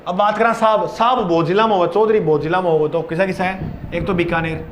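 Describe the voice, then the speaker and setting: A male teacher giving a classroom lecture, loud and playful, drilling students with call-and-response chants. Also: high-pitched, steady tone, a little fast, slight background noise.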